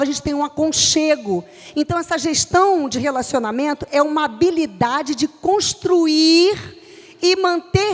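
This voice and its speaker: A middle-aged woman from Brazil with a Rio de Janeiro accent, preaching to a youth group with forceful, emphatic delivery. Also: high-pitched, in a large hall. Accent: Rio de Janeiro Portuguese. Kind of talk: youth church sermon.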